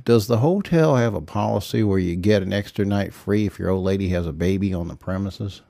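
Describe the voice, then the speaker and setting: A man's voice: deep voice, brisk, vocal fry, warm tone, no echo. A man voicing a crude, hot-tempered, selfish young man who snarls and swears dismissively in a storybook reading.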